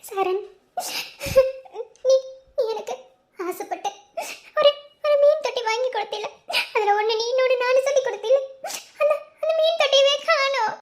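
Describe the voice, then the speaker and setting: A woman voicing a fiery, emotional young woman in a cartoon, speaking with a Madurai Tamil accent and scolding through tears. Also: a little fast. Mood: tearful. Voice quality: very high, squeaky cartoon voice. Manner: teary, scolding, sulky. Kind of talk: animated cartoon dialogue.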